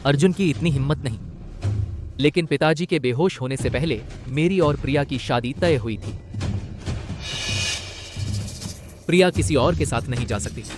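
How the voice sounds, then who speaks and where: A young actor playing a humiliated but defiant servant hero who speaks firmly, in dubbed drama acting. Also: male voice, medium pitch, fairly quick, music in the background, lightly acted. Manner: firm, restrained, defiant.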